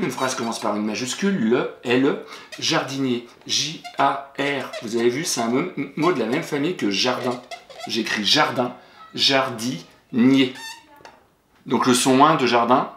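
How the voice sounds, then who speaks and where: A man's voice: mid-range voice, fairly bright tone. A man teaching young pupils, correcting exercises patiently, spelling words letter by letter and praising the child. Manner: addresses the child directly and familiarly. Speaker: primary school teacher. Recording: roomy echoey recording.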